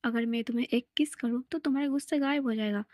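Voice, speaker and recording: A woman's voice: a little high, quick pace, darkish tone, dry recording, clean studio sound, close to an everyday voice. A woman voicing a playful young man in a storybook reading, apologizing and pleading to win someone back. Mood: coaxing.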